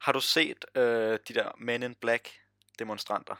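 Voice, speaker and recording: A man's voice: mid-range voice, steady tone, vocal fry, bright, forceful tone, no echo, clean studio sound. A man chatting casually, easygoing, often answering with short replies. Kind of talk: casual chat.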